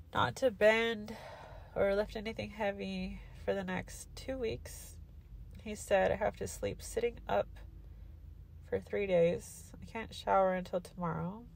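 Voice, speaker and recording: Her voice medium in pitch and gravelly, a young woman chats through a casual recovery vlog from a parked car, phone held out at arm's length. She sounds congested and nasal after sinus surgery, drowsy and loopy on medication.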